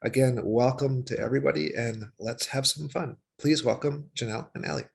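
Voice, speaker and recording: Man, event host, husky, halting introduction, frequent fillers. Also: medium pitch, steady tone. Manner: hesitant, many fillers. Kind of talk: read introduction.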